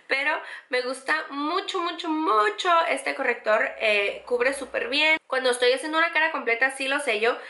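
A woman's voice: on the high side, pushed and bright, roomy sound. A pregnant young woman walks through a makeup tutorial, chatty and enthusiastic, repeating words for emphasis. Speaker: beauty vlogger.

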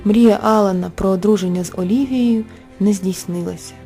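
A woman narrating a bedtime fairy tale in a gentle, expressive storytelling manner. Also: medium pitch, normal speed. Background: soft background music.

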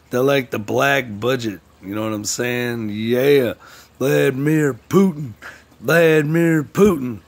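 Dude ranting on his vlog, swearing nonstop, yelling then muttering. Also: mid-range voice. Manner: crude, profane, swings between shouting and muttering. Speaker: vlogger. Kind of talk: profane ranting commentary.

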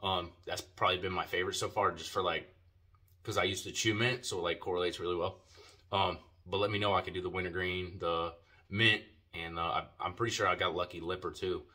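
Man, low bright voice, lip packed with dip, casual reviewer, slangy, swears freely. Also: fairly even intonation, a little fast. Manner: talks with a lip full of dip; laid-back, slangy and profane. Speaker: product reviewer. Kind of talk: casual video review chat.

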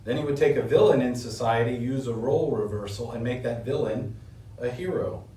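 A man's voice: a little fast, mellow, far from the mic. A middle-aged man preaching a sermon at a lectern, earnest and building force on key points. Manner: earnest preaching, rising in pitch and force when stressing points. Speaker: pastor. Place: small indoor room, standing at a lectern. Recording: roomy echo, voice set back from the mic.

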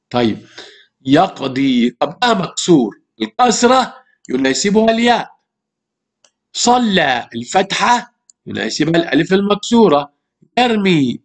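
A man with an Egyptian Arabic accent teaching a primary school language lesson, patiently repeating words and asking rhetorical questions. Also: on the high side. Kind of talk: classroom lesson explaining grammar.

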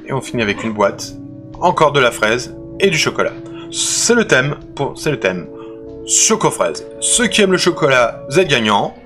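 A man's voice: mid-range voice, big pitch swings, normal speed. Guy chatting through an unboxing, playful, stumbles over words, light music in the back. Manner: chatty, playful, with hesitant restarts. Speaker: unboxing channel host. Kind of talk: casual unboxing commentary.

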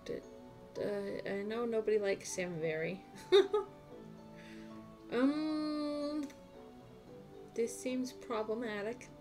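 A woman's voice: fairly high pitch, slow, music in the background. A woman streaming a farming game live, rambling and talking to herself as she plays. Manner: rambling, talks to herself while playing. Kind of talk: casual live gameplay chat.

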